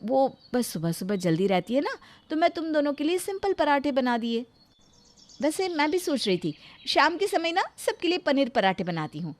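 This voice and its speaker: A woman voicing a worried young housewife who frets quietly over money in a cartoon story. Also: high-pitched, sing-song, moderate pace, voice pushed up. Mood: fretful.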